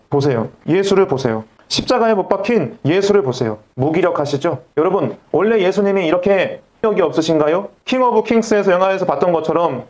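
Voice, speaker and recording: A man's voice: fairly high pitch, darkish tone. A middle-aged male pastor delivering a sermon, asking rhetorical questions and speaking straight to the congregation. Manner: acts out quoted voices within the sermon.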